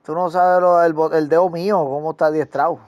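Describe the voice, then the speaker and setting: A man chatting casually while playing an online game with a friend, teasing him and breaking into excited shouts. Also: fairly high pitch, fast, highs cut off. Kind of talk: casual gaming chat.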